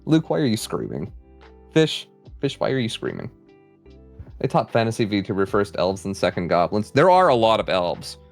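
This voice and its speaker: A man with a lowish voice that swings widely as he talks. He chats casually to a livestream, swearing freely and teasing playfully. Music plays behind him. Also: huge pitch swings, a little fast, vocal fry. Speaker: guest VTuber on a livestream.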